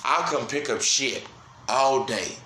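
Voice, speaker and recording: A man hosting a solo sports podcast, cursing freely and swinging between loud outbursts and quiet, low asides. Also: expressive, slow, reverberant, slight background noise. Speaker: podcast host.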